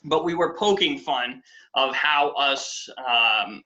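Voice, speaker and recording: A man's voice: takes it slowly, highs cut off. A man from New England hosting a casual podcast chat, swearing freely and acting out quotes in raised voices. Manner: swearing, animated, acts out quotes in high voices. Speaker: podcast host.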